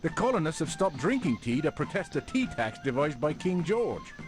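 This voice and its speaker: An actor playing a proud, tea-starved British redcoat officer with a British accent, in a theatrical, blustery manner. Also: male voice, on the high side, very animated, normal speed. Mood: grumbling. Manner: theatrical, blustery, full of period exclamations. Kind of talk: 1990s educational game voice acting. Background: game music.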